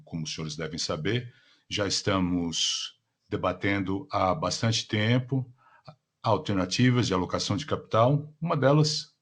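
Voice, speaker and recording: A man with a Brazilian accent and a somewhat deep, husky voice interprets live. His delivery is that of a formal business presentation. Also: a bit bright. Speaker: simultaneous interpreter.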